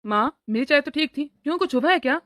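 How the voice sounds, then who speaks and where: A young cartoon husband, voiced by a woman who placates his mother and lectures his wife in a quick, high voice. The sound is dry and close. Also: animated, fairly bright tone, no room sound. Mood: placating. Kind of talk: cartoon story voice acting.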